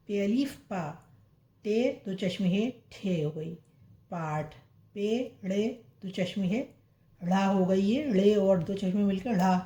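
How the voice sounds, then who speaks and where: A woman's voice: on the low side, warm tone, roomy sound, lo-fi sound. A woman teaching a reading lesson, spelling out each letter and repeating every word. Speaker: Urdu and Hindi reading teacher.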